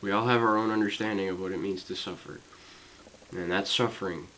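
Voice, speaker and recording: Low-voiced young man, rambling and frustrated. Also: fairly even intonation, slight background noise, poor audio. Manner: rambling, halting, full of "like" fillers and swearing; veers between loud venting and quiet mumbling. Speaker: student vlogger. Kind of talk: casual vlog rant.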